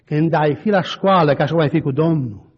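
A male pastor with a high, husky voice preaches with stories from his own life. His pitch leaps about as he moves from quiet asides to loud exclamations. The recording sounds dull and lo-fi. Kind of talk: sermon with personal stories.

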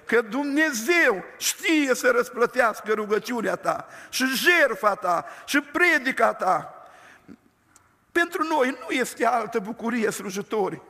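An older man preaching a storytelling sermon, stressing his words by slowing down. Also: very high-pitched, expressive, creaky, bright, forceful tone. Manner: emphatic, slows words for stress. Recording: long reverb of a large hall.

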